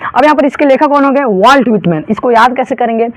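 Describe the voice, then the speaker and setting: A young man in his late teens with a Bihari Hindi accent, explaining exam memory tricks in a chatty, repetitive way and drawing out titles slowly. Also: extremely high pitch, fairly bright tone. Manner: chatty, repetitive, keeps calling listeners "babu", drags out titles slowly. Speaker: exam tutor.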